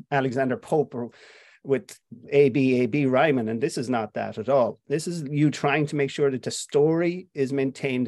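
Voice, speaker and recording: A man's voice: mid-range voice, a little mellow, no room sound. Irish male playwright guest, reflective and musing, dry close mic. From Ireland. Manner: reflective, with frequent fillers and restarts. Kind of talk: conversational interview.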